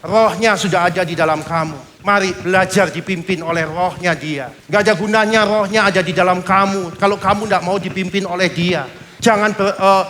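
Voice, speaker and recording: A man's voice: high-pitched, steady tone, moderate pace, fairly bright tone. A male pastor preaching a sermon emphatically, often calling out amen to the congregation.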